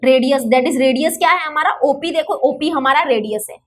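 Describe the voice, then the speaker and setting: A woman's voice: high-pitched, moderate pace, a bit bright. A young woman teaching an online maths lesson in a chatty, coaxing way, repeating key points.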